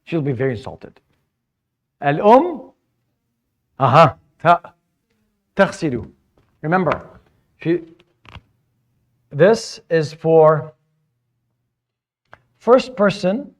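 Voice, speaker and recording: Very slowly and with long pauses, a male Arabic teacher gives a classroom lecture, blending English explanations with Arabic vocabulary. His voice is on the high side and very animated. He explains patiently, often repeating words as he hunts for the right phrasing.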